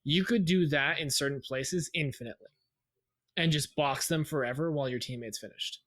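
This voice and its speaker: A man co-hosting a gaming podcast in casual chat, rambling and steering the talk with many pauses. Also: on the high side, fairly bright tone. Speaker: podcast co-host.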